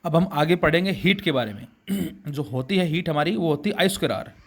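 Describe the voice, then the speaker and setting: Brisk and with lively intonation, a man whose voice is fairly high gives a physics lecture in a classroom using Hindi plus English terms. Calling the students beta, he asks rhetorical questions and then answers them himself.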